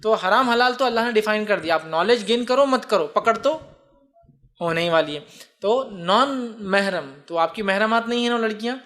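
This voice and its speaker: A man's voice: high-pitched, a bit bright. A man gives a religious answer to a question. He explains patiently and keeps answering his own rhetorical questions. His talk moves easily between words and English ones. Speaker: Islamic speaker.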